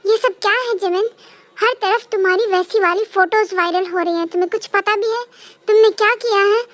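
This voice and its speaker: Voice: very high voice, steady tone, brisk, fairly bright tone, no room sound. A woman voicing a possessive young husband in a read-aloud fan story, who swings between pleading and cold contempt. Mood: contemptuous.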